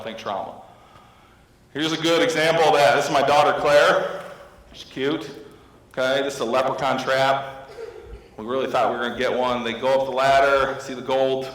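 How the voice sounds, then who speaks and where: A man's voice: mid-range voice, fairly bright tone. Guy counselor giving a talk to teachers, storytelling, lots of "right?", big echoey hall. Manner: storytelling, asks the audience questions. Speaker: school counselor and speaker. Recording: echoey hall with long reverb.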